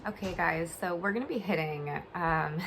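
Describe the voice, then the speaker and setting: Woman with creaky, slightly slurred post-surgery speech. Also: lowish voice, moderate pace, fairly bright tone, a little hiss or hum. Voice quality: slightly slurred, swollen-mouth speech after oral surgery. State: recovering from oral surgery, talking a bit funny. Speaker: homeschool vlogger. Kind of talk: casual chatty vlog. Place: bed at home.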